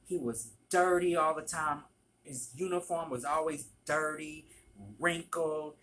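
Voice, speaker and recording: Animated, profane storyteller. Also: medium pitch, unhurried, slight background noise. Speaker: vlogger. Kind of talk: storytime vlog.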